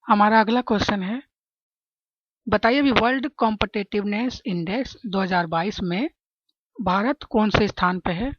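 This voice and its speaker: A woman's voice: medium pitch, moderate pace, no room sound, lo-fi sound. A woman teaching general-knowledge exam questions and explaining memory tricks, often checking in with her listeners. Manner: chatty, keeps asking "है ना?" to check understanding.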